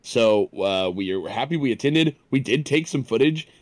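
A man co-hosting a podcast, chatting in a relaxed, rambling way. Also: medium pitch, normal speed, no room sound. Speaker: podcast co-host. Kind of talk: casual podcast chat.

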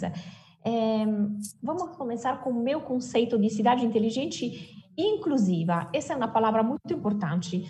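An Italian woman speaks Portuguese with an Italian accent as an interview guest, laying out her views in a conversational, emphatic way and often asking questions only to answer them herself. Her voice sits on the high side with a darkish tone.

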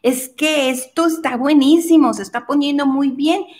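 A woman's voice: high-pitched, moderate pace, natural voice. A woman doing a giddy lovestruck girl. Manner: giddy, breathless excitement. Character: young woman, lovestruck and eager.

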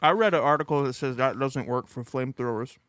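A man's voice: mid-range voice, fast talker, fairly bright tone. A man chatting casually and jokingly on a comedy podcast. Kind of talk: comic casual banter.

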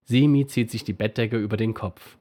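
A man reading a children's bedtime story aloud, slow and expressive. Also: fairly low pitch.

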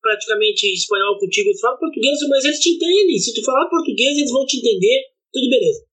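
A speaker tells travel stories in a casual podcast chat, indignant and quick to swear. The pitch sits at a middle level. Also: rough recording. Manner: indignant, swearing, animated anecdotes.

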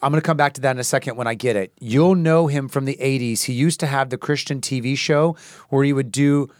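A man's voice: medium pitch, a little fast, no room sound. Earnest man in his forties, dry sound. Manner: earnest, warm encouragement with many "yeah"s. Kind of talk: faith-based casual chat.

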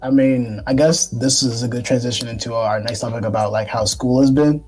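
A man's voice: medium pitch, steady tone, a little mellow, faint music behind, poor audio. A nineteen-year-old man co-hosting a podcast, talking casually with lots of fillers and restarts. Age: teens. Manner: halting, many fillers and restarts. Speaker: podcast co-host. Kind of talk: casual chat.

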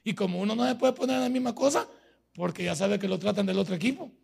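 A man's voice: high voice, fast talker, creaky, a little mellow, breathy edge. A man with a Salvadoran Spanish accent, a pastor preaching a sermon in a folksy way, full of everyday stories from home.

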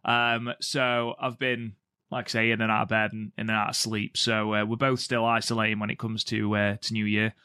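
A man's voice: on the low side, little pitch movement, moderate pace, pushed and bright, clear, resonant tone, dry recording. A man with a throaty voice, sounding under the weather, chatting casually as a podcast co-host with dry humour. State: ill with a cold-like throat from covid. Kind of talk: casual wrestling podcast chat.

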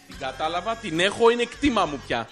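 High-voiced man reading listener messages. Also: animated, a bit bright. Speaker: podcast co-host. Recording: faint music underneath.

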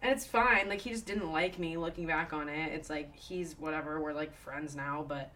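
A woman's voice: low voice, fairly even intonation, normal speed, pushed and bright. A woman in her twenties co-hosting a podcast, telling a story in casual chat, candid and laughing often. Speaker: podcast co-host.

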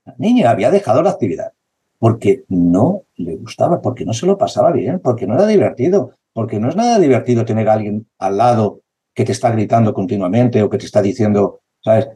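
Passionate coach, dark lively voice. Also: male voice, on the low side, a little fast, slightly rough. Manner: passionate, repetitive, acts out dialogue. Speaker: basketball coach and educator. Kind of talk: conversational interview.

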